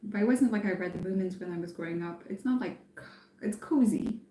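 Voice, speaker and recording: A woman raised in France chats casually on a live stream, thinking out loud with frequent pauses and fillers. Her mid-range voice has a dark tone, and the room sounds echoey.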